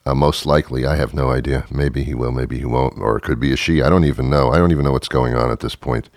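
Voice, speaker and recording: A man's voice: rumbling low, fairly even intonation, quick pace, no room sound, clean studio sound. A man in his thirties hosting a talk show, rambling through a sarcastic, self-mocking monologue that often trails off. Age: 30s.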